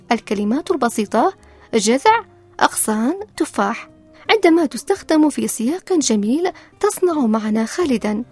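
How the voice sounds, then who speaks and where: A woman's voice: sits high, breathy edge. A woman presenter narrating a moral story and explaining its lessons in a scripted, reflective teaching tone. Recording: soft background music.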